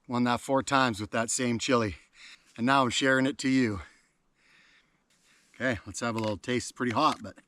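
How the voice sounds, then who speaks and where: A Canadian man cooks over a campfire by a lake, talking enthusiastically through a casual cooking vlog and speaking with his mouth full as he tastes. His voice is mid-range and a bit bright, with slight background noise.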